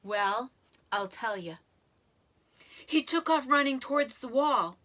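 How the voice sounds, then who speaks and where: A woman reading a children's story aloud in an expressive, animated way, with dramatic emphasis and drawn-out words. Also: high voice. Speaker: storybook reader.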